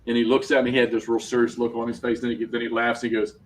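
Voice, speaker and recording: A man's voice: medium pitch, flat delivery, fast, a little hiss or hum. A man in his fifties chatting casually with friends, telling long stories and laughing at his own jokes. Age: 50s. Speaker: tabletop gaming group member. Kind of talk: casual chat.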